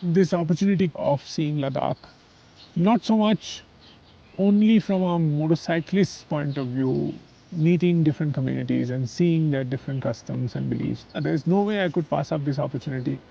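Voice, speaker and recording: Gravelly mellow man, enthusiastic. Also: on the high side, normal speed, muffled recording. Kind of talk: documentary interview.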